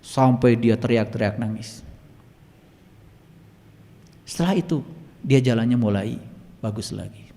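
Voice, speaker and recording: A man teaching as a spiritual teacher, telling stories dramatically and swinging between loud high bursts and quiet low asides. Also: fairly even intonation, measured pace, gravelly, pauses often. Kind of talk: teaching talk told through stories. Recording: long hall reverb.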